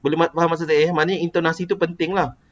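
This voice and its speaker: A man's voice: on the high side, level tone, rapid-fire. A man with a Malaysian Malay accent teaching a casual lesson, explaining patiently and quizzing a student. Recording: dull lo-fi recording.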